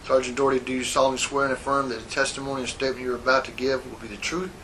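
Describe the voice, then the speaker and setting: A man working as an internal affairs sergeant, questioning a witness on a recorded interview tape in a measured, procedural manner. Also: medium pitch, steady tone, fairly bright tone, poor audio. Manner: measured, procedural, reads out formal statements. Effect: old recorded interrogation tape. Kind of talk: formal sworn-statement questioning. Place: interview room. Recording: faint hiss on an interview tape.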